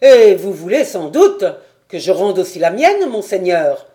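A woman's voice: mid-range voice, sing-song, measured pace, warm tone. A woman voicing a proud, defiant male rebel captain in a storybook reading, bold and haughty.

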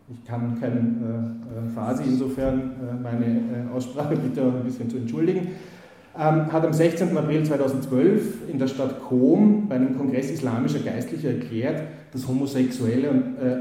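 Speaking in a warm, mid-range voice, a man lectures with hesitation, peppering his talk with "äh" and restarts while reading out quotes. The recording comes from a very echoey hall.

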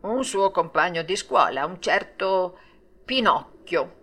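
Woman reading as a calm plain-spoken old man. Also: fairly low pitch, slow pace, heavily acted. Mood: matter-of-fact. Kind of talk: storybook reading.

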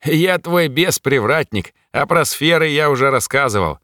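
A man voicing a hoarse, sneering male demon spirit in an audiobook, growling and mocking. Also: on the high side, expressive, normal speed, pushed and bright, no echo, clean studio sound, pitched above the performer's own voice. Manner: mocking, sly.

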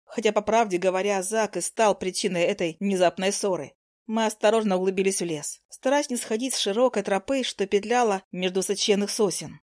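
Woman reading a fantasy audiobook, mid pitch, even and clear. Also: brisk. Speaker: audiobook narrator. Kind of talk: first-person audiobook narration.

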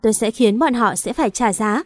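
A stubborn young pregnant wife, defiant and tearful as she pushes her husband away in a storybook reading, as a woman puts her on. Her voice sits on the high side and the sound is dry and close. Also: fairly quick, no echo, lightly acted. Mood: bitter.

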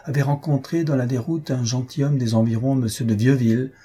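A man reading a historical tale aloud as an audiobook narrator, in measured, even storytelling. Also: medium pitch, husky. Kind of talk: scripted narration.

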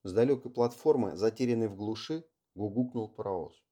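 Guy narrating an audiobook, super dark mellow voice, slow even reading. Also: on the low side. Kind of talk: scripted narration.

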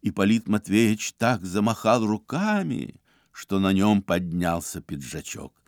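A male audiobook narrator tells the story in a theatrical, animated manner. His pitch swoops and leaps freely across each phrase. The recording is dry and close, with no room sound. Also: a little slow, no room sound. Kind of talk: expressive literary narration.

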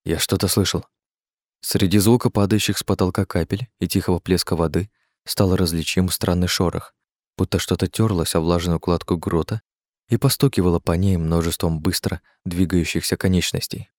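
Deep-voiced male audiobook narrator. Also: steady tone, moderate pace, a little mellow, no echo. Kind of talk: scripted narration.

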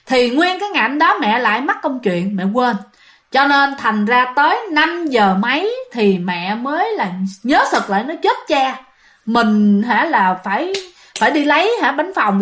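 A woman with a slightly high voice tells a ghost story in a loose, conversational way. She talks straight to her listeners and briefly voices the people in the story as she goes. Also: very animated, normal speed, fairly bright tone. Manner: chatty, addresses listeners directly, acts out quoted speech. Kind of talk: casual ghost story telling.

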